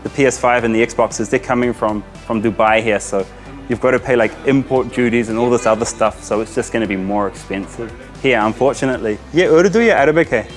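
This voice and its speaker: A brisk, medium-pitched man from New Zealand vlogs casually inside small game shops in a Pakistani market, with faint music behind him. Enthusiastic and chatty, he peppers his commentary with Urdu greetings and interjections.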